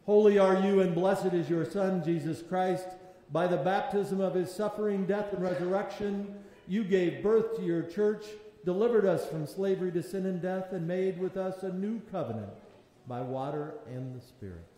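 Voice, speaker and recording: A man serving as pastor, leading a sermon and communion in a measured, prayerful cadence, his voice ringing with a long echo in a large church. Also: high voice, warm tone, slight background noise. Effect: long echoing church reverb. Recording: long reverb in a large hall.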